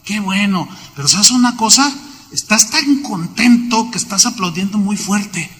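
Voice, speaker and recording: A man with a Mexican accent preaching a sermon, telling stories with lively exclamations and acted-out claps in a church auditorium. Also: high-pitched, unhurried, slight background noise. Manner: animated storytelling, acts out exclamations and claps. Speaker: pastor. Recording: large reverberant church hall.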